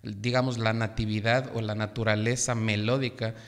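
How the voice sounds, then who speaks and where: Teacher guy on radio, kinda gravelly, slow professorial explaining, echo trailing off. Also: on the low side, level tone, fairly bright tone. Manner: measured, professorial, many hesitations. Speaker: language teacher, guest. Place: radio studio. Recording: gravelly voice with long reverb.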